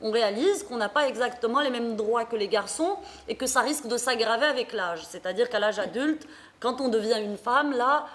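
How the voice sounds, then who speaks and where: Woman from Morocco, panel speaker; rather high voice, earnest and halting, lots of fillers. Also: fairly bright tone. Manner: earnest, hesitant, many fillers and restarts. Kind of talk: public talk at a debate.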